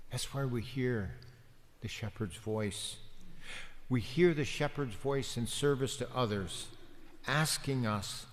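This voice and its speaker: A man, a deacon, giving a homily in a gentle, conversational preaching manner with pauses. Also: medium pitch. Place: church. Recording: long church reverb.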